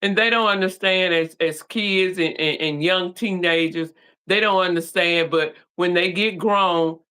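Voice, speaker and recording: A woman's voice: on the low side, unhurried, bright, forceful tone, smooth. A middle-aged woman in a casual chat, speaking earnestly and affirmingly. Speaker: co-host.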